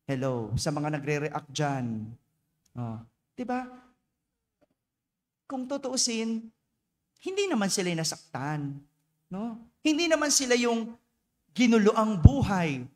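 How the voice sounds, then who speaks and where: Filipino priest preaching in reverberant church. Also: male voice, sits high. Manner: playful, teasing rhetorical questions. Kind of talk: homily at Mass.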